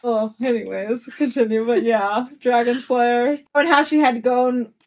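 A woman's voice: a little high, steady tone, normal speed. A woman co-hosting a casual book podcast, blunt and teasing in her comments. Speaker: podcast co-host.

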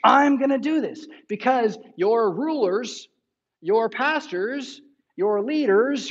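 A man preaches a sermon in a loose, conversational way, breaking up his scripture reading with quick "right?" asides. His voice sits high for a man. The recording sounds dull and lo-fi. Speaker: pastor.

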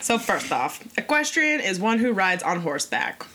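Woman co-host, lively sing-song delivery, bright tone, giggles through her lines. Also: medium pitch, normal speed, a little hiss or hum. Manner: giggly, animated, laughs often. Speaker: podcast co-host. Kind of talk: casual chat.

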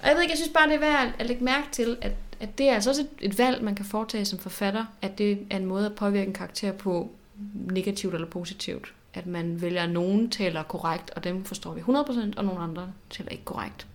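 A woman co-hosting a podcast in casual chat, animated and reflective, often repeating words as she thinks. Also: mid-range voice, hardly any pauses. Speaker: podcast co-host.

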